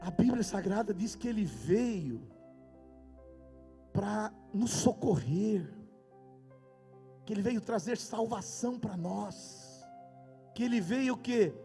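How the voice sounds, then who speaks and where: A man with a Brazilian Portuguese accent preaches a sermon in a high, emphatic voice that breaks into loud outbursts. His words ring through a church hall with a long reverb. Faint music plays underneath. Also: expressive, takes it slowly, creaky, long pauses. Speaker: pastor.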